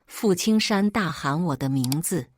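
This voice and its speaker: A woman reading a first-person family drama aloud in a steady, emotional storytelling manner. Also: deep voice, measured pace, a little hiss or hum.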